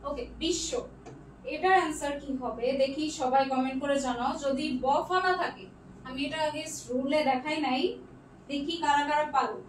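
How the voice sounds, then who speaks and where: A woman's voice: high voice, moderate pace. Young female online tutor, roomy echo, faint background hiss. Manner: patient, checks answers one by one, mixes in English words. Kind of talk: live online class reading student comments. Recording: echoey room, distant mic, faint noise.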